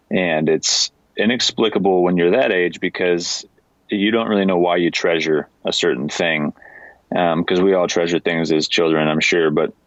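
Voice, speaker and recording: A very deep-voiced American man talks in an easy, thoughtful way, circling back and restarting his sentences. The sound is dry and a bit muffled, with no room around it. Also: no room sound. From United States. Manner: relaxed, thoughtful, trailing restarts. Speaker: leatherworker, guest. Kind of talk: casual conversation.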